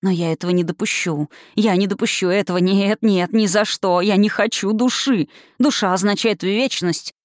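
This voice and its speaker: A woman's voice: medium pitch, moderate pace, hardly any pauses, no room sound, clean studio sound, natural voice. A woman reading an audiobook, voicing an accusing, menacing witch who snarls and hisses. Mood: bitter, brooding. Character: bitter, menacing witch, woman, middle-aged.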